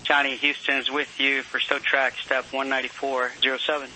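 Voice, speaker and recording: Male ground controller, very bright forceful tone, procedural calls, crackly space radio with light hiss. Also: mid-range voice, flat delivery, brisk. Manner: formal, procedural readbacks with radio call phrases. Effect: crackly space radio link. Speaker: mission control communicator.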